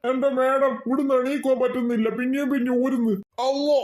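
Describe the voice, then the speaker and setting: A whiny, bumbling cartoon husband, voiced by a woman who pleads and whimpers. He speaks in a high voice. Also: level tone, fairly quick, very noisy, lightly acted. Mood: pleading. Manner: pleading, whining. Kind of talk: cartoon voice acting.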